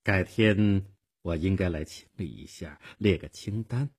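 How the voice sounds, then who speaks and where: A man reading the lines of a wealthy, lonely widowed woman in a husky voice, slow and wistful in a radio storybook. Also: low voice, darkish tone, heavily acted. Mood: weary.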